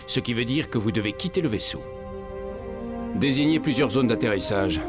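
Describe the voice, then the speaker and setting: An actor playing a grave, resolute warship captain in dramatic video game dialogue. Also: male voice, medium pitch, lively intonation, normal speed, loud music behind the voice, close to an everyday voice.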